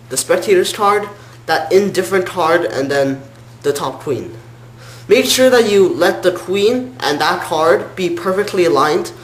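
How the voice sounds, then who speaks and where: A man's voice: sits high, a little hiss or hum. A man giving an informal step-by-step card trick tutorial as a magician, sometimes correcting himself. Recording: roomy, echoing sound.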